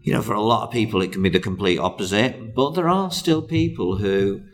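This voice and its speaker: A man, a comedian chatting as a guest, hesitant with many pauses and restarts. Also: lowish voice. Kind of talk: casual interview chat.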